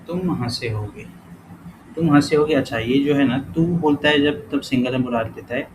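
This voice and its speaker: Here a man teaching languages gives a casual lesson in a mid-range voice. He reasons aloud while doing the exercises, catches and corrects himself often, and reads examples slowly; clear background noise runs through the recording.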